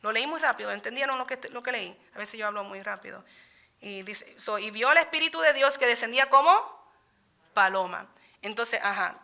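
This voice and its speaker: A woman's voice: on the high side, normal speed, vocal fry, pushed and bright. A woman leading a Bible study lesson in a church, talking conversationally and often asking the group if they agree. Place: church meeting room.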